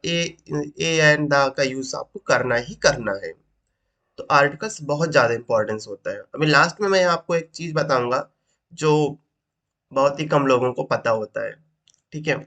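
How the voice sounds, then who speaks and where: A man explains grammar in a high, bright voice. He teaches at a steady, patient classroom pace, keeps asking his listeners questions and repeats key points. He checks understanding with short confirmations. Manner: asks rhetorical questions, repeats points, says "ठीक" often. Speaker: English teacher.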